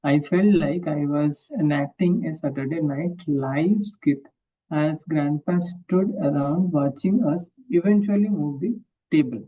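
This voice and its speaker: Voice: medium pitch, dark tone, far from the mic, rough recording. A speaker from India, reading a book aloud and discussing it, often stopping to reread and repeat phrases. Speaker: book reader.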